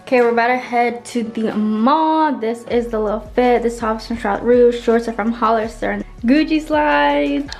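A woman's voice: fairly high pitch, normal speed, a little mellow, soft background music. A young woman from Washington State chatting casually to a handheld camera in her vlog, full of "like" fillers. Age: young adult. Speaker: vlogger. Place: home kitchen and living room, later a car.

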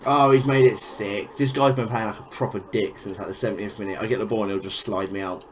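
A man's voice: lowish voice, fast talker, a little hiss or hum. A young man giving casual, frustrated gameplay commentary, swearing and exclaiming over each goal. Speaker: gaming YouTuber.

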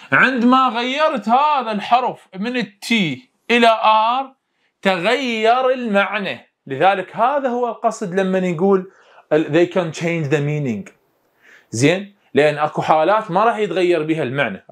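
Man, Iraqi Arabic accent, somewhat high voice, casual dialect lecturing, slow careful dictation. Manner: explains in colloquial dialect, slows right down to dictate English definitions. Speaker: university English phonetics lecturer. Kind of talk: recorded lecture.

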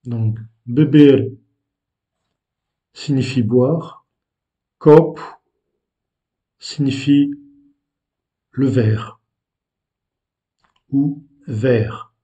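A male language teacher explains words at an unhurried, deliberate pace. His voice is mellow and dark, and he pauses and hesitates between phrases. He keeps a patient, explanatory manner throughout. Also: medium pitch. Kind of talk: explaining vocabulary to learners.

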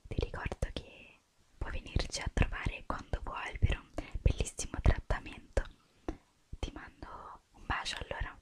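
A young woman whispering softly through an ASMR roleplay as a makeup artist, gently guiding the listener step by step. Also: measured pace.

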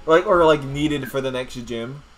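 A man's voice: mid-range voice, moderate pace, music in the background. A young man doing casual, jokey gameplay commentary as he hosts a gaming video. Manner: jokey, laughs while talking.

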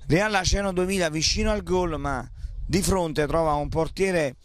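A man giving live amateur football commentary in short play-by-play phrases that lift at the action. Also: no echo. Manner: measured play-by-play in short phrases, rising excitedly at shots and goals. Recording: outdoor pitchside with clear background noise.

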